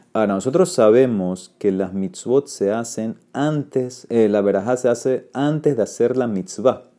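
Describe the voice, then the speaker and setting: Man explaining Talmud, mellow voice. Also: medium pitch. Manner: reads Aramaic then explains, with fillers and self-corrections. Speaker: Talmud teacher. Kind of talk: explaining a Talmud page in Spanish.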